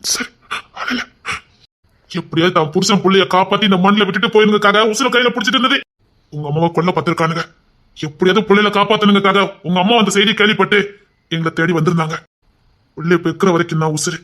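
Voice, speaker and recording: A man telling a dramatic serial story aloud, voicing every character himself and rising into emotional high lines. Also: fast, pushed and bright.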